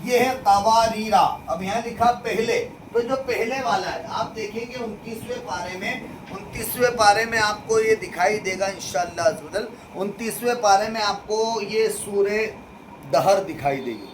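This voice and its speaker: A male religious teacher leading a call-and-response lesson, speaking slowly and repeating phrases for students to echo back. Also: high voice, slight background noise. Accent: Hindi-Urdu speaker from central India.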